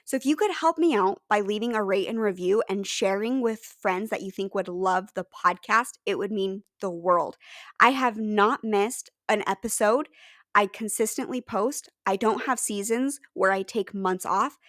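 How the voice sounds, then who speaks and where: A woman's voice: medium pitch, normal speed, a bit bright. A young woman hosting her own podcast, talking in a casual, chatty and upbeat way straight to her listeners. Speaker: podcast host. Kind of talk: casual solo podcast talk.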